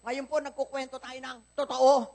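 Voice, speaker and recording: A woman's voice: high-pitched, moderate pace. A woman pastor with a Filipino accent preaching a live Sunday sermon, telling stories animatedly and acting out the dialogue. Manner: animated storytelling, acts out dialogue in quoted voices. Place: church service, recorded live.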